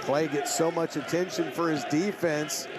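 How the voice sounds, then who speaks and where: A man's voice: fairly high pitch, steady tone, normal speed. A man giving conversational, opinionated color analysis during live basketball commentary in an arena. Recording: crowd noise from basketball arena.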